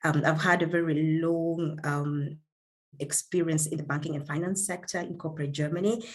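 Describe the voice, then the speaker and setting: A woman from Kenya gives an online leadership talk over a video call, earnest and warm, with many fillers and repeated words. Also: low voice, fairly even intonation, moderate pace. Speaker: guest speaker.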